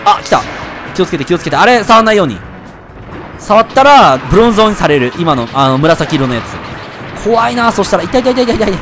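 A man giving excited commentary while playing a video game, yelping and shouting whenever he takes a hit. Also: high voice, a little fast, soft background music. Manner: excitable, yelps and shouts at hits. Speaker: let's play gamer.

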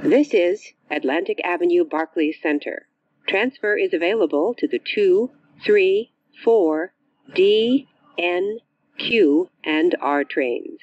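A man's recorded train announcements, spliced together from separate words, slow and clipped with pitch jumps where the words are joined. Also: expressive, no echo. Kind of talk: prerecorded transit announcements. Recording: muffled train speaker recording.

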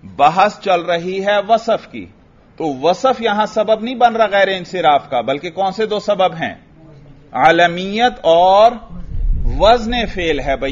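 A man with a Pakistani Urdu accent giving a classroom lecture on Arabic grammar. He asks his students questions and answers them himself, calls them "bhai", and recites Arabic text slowly in a chanting tone. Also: high-pitched, lively intonation, dull audio. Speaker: Islamic grammar teacher.

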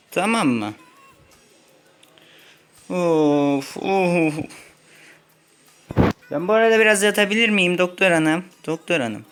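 Whiny high-voiced man playing a patient. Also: fairly bright tone, clear, resonant tone. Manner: whiny, complaining, playfully dramatic. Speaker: gaming video host. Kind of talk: playful game role-play, playing a patient.

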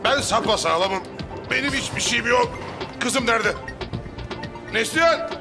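A man's voice: extremely high pitch, moderate pace, music in the background. An actor playing a hot-tempered, boastful grandfather in his fifties who has been hurt in a car crash. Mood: worried. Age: 50s. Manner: shouting, threatening. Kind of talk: TV drama acting.

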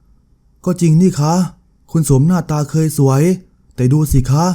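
A blunt young maid with a shrieking, high voice, played by a male storyteller. She speaks plainly, well above his usual dark pitch, in a storybook reading. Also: a little slow, lightly acted.

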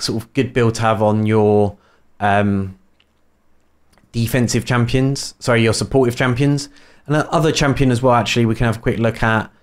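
A man's voice: mid-range voice, clean tone. Rambling man explaining a game. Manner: rambling, with many fillers and restarts. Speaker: gaming video creator. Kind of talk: casual game guide commentary.

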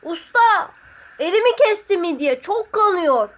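A woman voicing an eager, whiny young male fishing apprentice who pleads and calls out loudly. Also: high-pitched, expressive, moderate pace. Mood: pleading.

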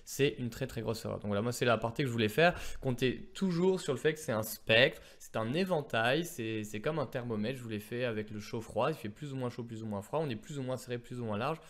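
A man explaining poker concepts in a casual two-person lesson, animated and fond of everyday comparisons. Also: medium pitch, a little fast, few pauses. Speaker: poker coach.

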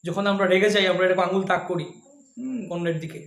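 A man giving a slow, patient devotional lesson, showing each step by hand and chanting softly between explanations. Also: high-pitched, vocal fry. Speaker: devotional teacher. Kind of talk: slow spoken instruction with chanting. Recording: echoey room.

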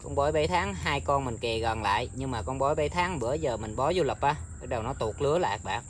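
A man talking casually to his viewers outdoors, rambling with many filler pauses. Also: mid-range voice, expressive, a little hiss or hum. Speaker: bird-trapping vlogger. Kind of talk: casual outdoor vlog narration. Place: outdoors in countryside.

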